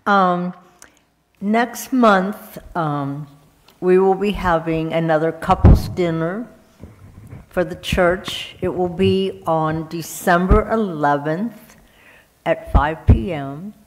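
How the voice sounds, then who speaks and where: Female church member making announcements, slow and low-voiced, hesitant with lots of fillers. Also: poor audio.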